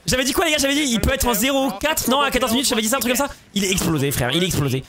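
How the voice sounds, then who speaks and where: A man co-casting an esports match on his stream, animated, swearing and shouting at plays while talking to his chat. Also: extremely high pitch, racing. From Portugal. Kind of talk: excitable casual commentary. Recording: crowd noise from match stream behind.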